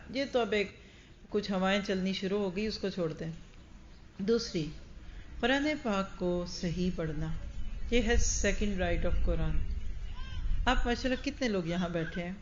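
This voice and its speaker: A woman's voice: medium pitch, highs cut off, a little hiss or hum. A woman giving a religious lecture to a large audience. She speaks earnestly and directly, often putting questions to her listeners. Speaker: Quran teacher. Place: large gathering hall.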